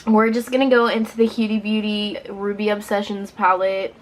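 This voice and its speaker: A woman with a medium-pitched voice talks viewers through a makeup routine while drunk. She is giggly and rambling, playful and quick to mock herself. There is noticeable noise behind her voice. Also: flat delivery. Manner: playful, self-deprecating, swearing. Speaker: beauty vlogger presenting a makeup tutorial. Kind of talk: casual makeup tutorial chat to viewers.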